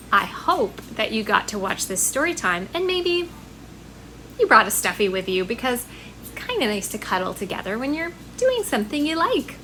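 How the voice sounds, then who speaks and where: This woman's voice sits on the high side with a sharp tone, captured in a low-quality recording with a little hiss or hum. Hosting a library storytime, she expressively reads rhymes from a picture book and talks to young children in a warm, sing-song manner.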